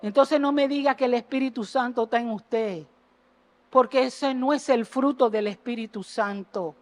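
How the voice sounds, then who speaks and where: Woman preacher going hard at the congregation, high voice, loud then hushed, lots of rhetorical questions. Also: normal speed. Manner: swings between loud exhortation and low earnest asides. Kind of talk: impassioned sermon. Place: church sanctuary.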